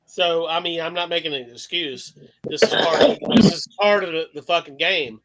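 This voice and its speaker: A man's voice: fairly high pitch, normal speed, a loud crowd, rough recording. A man in his fifties hosting a casual sports talk show, rambling, opinionated and full of profanity. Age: 50s. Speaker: host.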